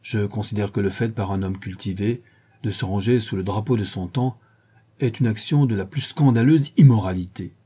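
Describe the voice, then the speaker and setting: A man's voice: lowish voice, normal speed, dark tone, husky. Man voicing a languid cynical dandy lord. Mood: languid, witty. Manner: epigrammatic, airy.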